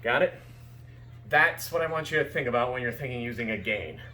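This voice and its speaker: A man's voice: medium pitch, expressive, fairly quick, bright, forceful tone, faint music behind. A man giving casual, explanatory fencing instruction, often checking that his students follow. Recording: echoey room with background noise.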